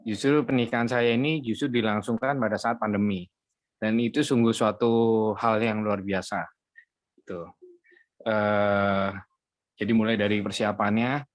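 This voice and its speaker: A man who runs a car dealership gives a casual faith testimony over a video call. He talks in a chatty way, pausing often on hesitant fillers. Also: lowish voice, no echo.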